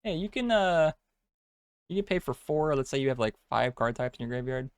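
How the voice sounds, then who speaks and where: A man's voice: medium pitch, fast, smooth, dry recording, clean studio sound. A man co-hosting a card game stream with casual, off-the-cuff commentary in laid-back slang. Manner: laid-back slang, says dude often.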